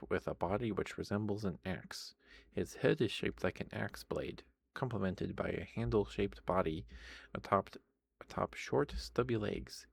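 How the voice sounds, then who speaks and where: Soft talking asmr guy, deep creaky voice thats kinda shot, casual reading to help u sleep. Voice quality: low, creaky voice. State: tired voice, worn out from streaming. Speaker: ASMR host reading aloud.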